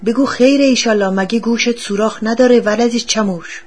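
A bitter, gruff father who scolds and grumbles in a husky voice, as a woman puts him on. His pitch sits in the middle of the range. It is a storybook reading full of superstition and hard luck. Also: natural voice. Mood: scolding. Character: poor bitter middle-aged father digging for treasure.

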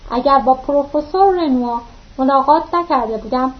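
High-voiced woman reading a novel aloud. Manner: reads steadily, voicing dialogue lightly with small slips and restarts. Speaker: audiobook narrator. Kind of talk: read-aloud novel narration. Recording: dull lo-fi recording.

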